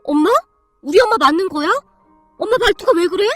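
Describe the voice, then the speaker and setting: A woman's voice: very high-pitched, lively intonation, brisk, fairly bright tone, dry recording, faint music behind. A woman voicing a whiny grown son who pleads and complains to his mother. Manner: whining, pleading.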